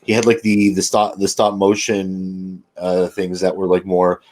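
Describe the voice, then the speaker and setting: A man's voice: low voice, monotone, measured pace, darkish tone. A man co-hosting a film podcast in casual chat, rambling with lots of fillers and restarts and casual swearing.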